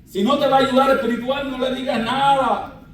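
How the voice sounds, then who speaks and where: Fervent high-voiced preacher in an echoing church. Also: male voice, flat delivery, a little fast, a bit bright, slight background noise. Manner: fervent, calls out for amens. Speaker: pastor. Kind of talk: sermon. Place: large church hall. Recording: echoey church from a distance.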